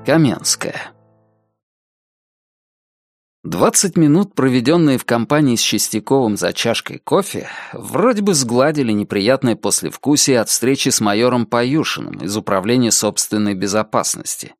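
A man narrating an audiobook in a steady, low-key way. His delivery has lively pitch movement. The recording is dry and close. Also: moderate pace, hardly any pauses, no room sound. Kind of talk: scripted narration.

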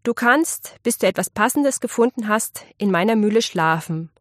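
A woman's voice: medium pitch, lively intonation, moderate pace, no echo, lightly acted. A bossy, self-assured eldest brother, voiced by a woman reading a storybook, firm and matter-of-fact in every sentence. The read is dry and close, with a mid-range voice. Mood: stern.

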